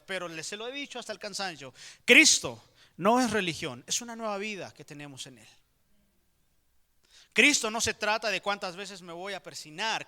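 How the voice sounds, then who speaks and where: Casting: Mexican male pastor, high, sharp-toned voice, emphatic sermon delivery, questions to the congregation, reverberant church hall. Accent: Mexican Spanish.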